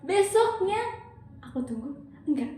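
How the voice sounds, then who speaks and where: A young adult woman telling a counselor a personal story in a casual, animated way, acting out quoted dialogue with lots of fillers. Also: high voice, a little slow. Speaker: counseling client. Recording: very echoey room with faint background noise.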